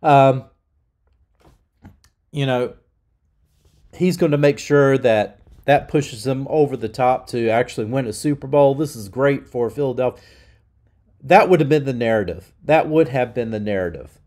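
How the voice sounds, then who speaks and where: Sick and sounding nasal, a middle-aged channel host rants his opinions with heat and emphasis. His mid-range voice is a little mellow and a little slow, and he pauses often.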